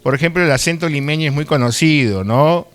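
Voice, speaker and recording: A man's voice: a little high, a little fast. A man from Peru with a Lima accent, giving a live university lecture in a chatty way, often checking in with his students and sometimes stumbling and restarting words. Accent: Lima Peruvian Spanish. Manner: conversational, asks the class frequent tag questions; occasional stutters and restarts.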